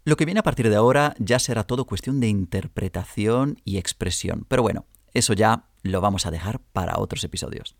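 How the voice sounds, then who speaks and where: A man, an acting coach giving a clear, deliberate lesson on memorizing scripts to his students. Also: on the low side, lively intonation, dry recording.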